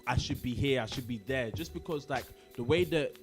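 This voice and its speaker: A man, co-hosting a podcast in relaxed, slang-heavy casual chat. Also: mid-range voice, a little fast, faint music behind. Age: 20s. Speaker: podcast co-host.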